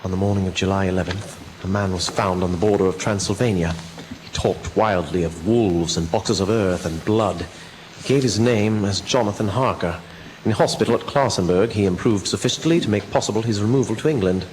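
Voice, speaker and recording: Man as earnest, haunted doctor, low voice, noisy recording. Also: fairly quick, a little mellow, natural voice. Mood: sober, recounting. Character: earnest, haunted male doctor recounting horrors. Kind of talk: dramatic first-person radio drama narration. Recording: noisy amateur local radio recording.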